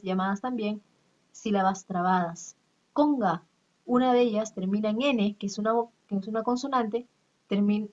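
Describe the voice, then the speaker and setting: A woman's voice: mid-range voice, lo-fi sound. A woman teacher, explaining step by step in a recorded class lesson and checking that her students follow.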